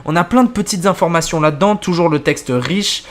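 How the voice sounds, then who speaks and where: A man hosting a horror story channel, wrapping up casually and thinking aloud with hesitant pauses. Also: fairly high pitch. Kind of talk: casual wrap-up commentary.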